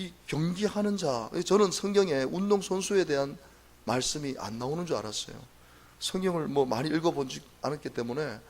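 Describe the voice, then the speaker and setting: A middle-aged man preaching at a dawn prayer service, telling his own story in an earnest, animated way with emphatic repeats. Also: fairly high pitch. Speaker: pastor. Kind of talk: dawn prayer sermon testimony.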